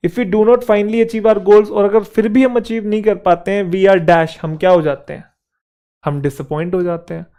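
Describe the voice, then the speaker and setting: A young man teaching English in a relaxed lesson that mixes Hindi and English, asking questions and answering them himself, and reading the English sentences slowly. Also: high voice, clean tone. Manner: conversational, asks and answers his own questions. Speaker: English teacher for exam prep.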